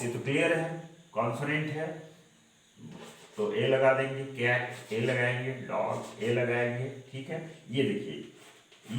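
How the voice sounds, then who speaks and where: A man teaching an English grammar lesson, speaking slowly and deliberately and often asking questions that he then answers himself. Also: mid-range voice. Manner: slow and deliberate, asks and answers his own questions. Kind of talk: classroom-style lesson explaining grammar. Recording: very echoey room.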